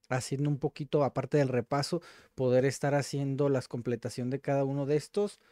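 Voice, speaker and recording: A man hosting casual language practice, repeating words slowly to sound them out. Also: fairly high pitch, dark tone, dry recording, clean studio sound. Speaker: host.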